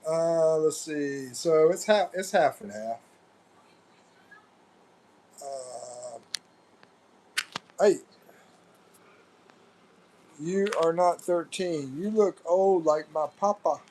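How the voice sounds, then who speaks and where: Middle-aged American guy, livestream host, slow and easygoing, chatty "bro" manner while reading comments. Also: fairly high pitch, lively intonation, darkish tone, a little hiss or hum, poor audio. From United States. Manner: chatty, loose, calls viewers "bro". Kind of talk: casual live chat reading viewer comments.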